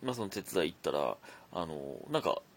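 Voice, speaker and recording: A man's voice: deep voice, big pitch swings, fairly quick. A young man with a Kansai accent hosting a casual solo podcast, chatting and reading listener messages aloud. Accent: Kansai Japanese. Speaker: podcast host.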